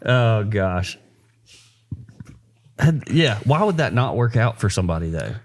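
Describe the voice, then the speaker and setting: A man's voice: lowish voice, sing-song, a little slow. A man in his thirties co-hosting a podcast, in casual chat with a dry, questioning manner. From American South. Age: 30s. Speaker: podcast co-host.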